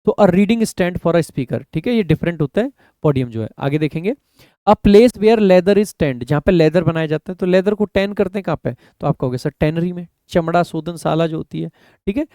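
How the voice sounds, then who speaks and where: A man teaching exam vocabulary online, explaining in Hindi and reading English definitions slowly, letting his voice sink at phrase ends. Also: warm tone, no echo. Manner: drops pitch and volume at the ends of phrases; addresses viewers as "mere bhai".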